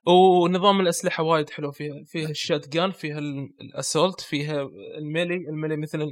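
A man co-hosting a casual gaming podcast, animated and explaining with quick examples. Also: on the high side, no room sound. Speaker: podcast co-host.

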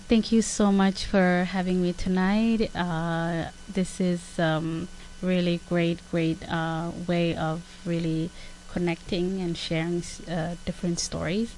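A woman in her thirties, from Somalia, a social development worker, speaking haltingly with many fillers as an interview guest. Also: on the low side, a little hiss or hum, low-quality recording.

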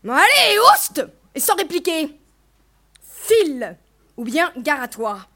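A woman doing a shrill, furious scolding mother. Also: normal speed, close to an everyday voice. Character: harsh scolding mother, middle-aged woman.

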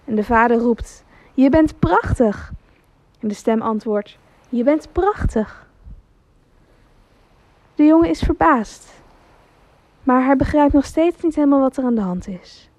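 A woman reading a gentle story aloud as narrator, slowly and carefully. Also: a little high, no echo. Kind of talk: scripted storytelling.

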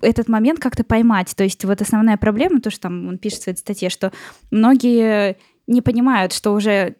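A woman co-hosting a podcast, talking through ideas casually with frequent pauses and fillers. Her voice is warm and mellow, recorded close and dry with no room sound. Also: medium pitch, no echo. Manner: relaxed, thinking aloud with many fillers. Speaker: podcast co-host. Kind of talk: casual discussion of an article.

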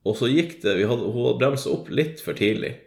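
A man's voice: mid-range voice, gravelly. A young man telling a story in casual chat, swearing freely, laughing a lot and cramming his talk with fillers. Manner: profane, excitable, laughs often, frequent fillers. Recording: roomy echo.

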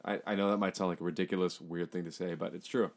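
A young man co-hosting a podcast, talking in a low voice with loose, joking energy. He jumps up in pitch when he gets excited, then settles back into easy casual banter. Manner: animated, jokey, quick pitch jumps. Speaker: podcast co-host.

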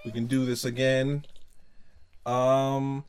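A man's voice: mid-range voice, flat delivery, takes it slowly, a little mellow, smooth. A man hosting a casual family podcast chat, giving earnest advice and getting passionate about it. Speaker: podcast host.

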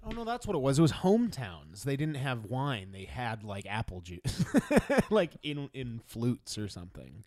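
Brief: man with a lively, swooping voice, giggly co-host, dry mic. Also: mid-range voice, normal speed, hardly any pauses, dry recording. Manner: laughs often, chimes in. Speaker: podcast co-host. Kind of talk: casual chat.

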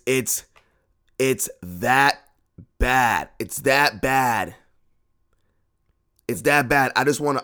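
A man's voice: on the low side, fairly bright tone. Man ranting in repeated, swearing bursts. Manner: agitated, repeats himself, swears freely. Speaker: sports podcast host. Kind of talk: ranting sports talk. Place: home podcast room.

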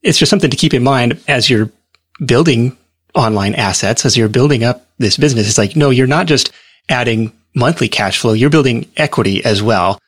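A man speaking as a guest in a casual interview, telling his story in a relaxed, rambling way with plenty of fillers. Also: mid-range voice, normal speed, husky, no echo, clean studio sound.

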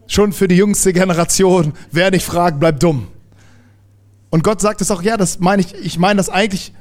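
A man preaching a sermon in a lively, emphatic way, mixing casual slang into his teaching and often restarting his sentences. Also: high voice.

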